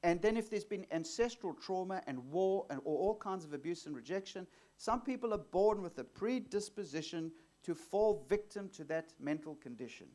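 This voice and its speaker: A man's voice: high voice, expressive, moderate pace, hardly any pauses, warm tone. A man hosting an onstage interview, asking leading questions and backing the guest with frequent murmurs. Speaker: host, exorcist.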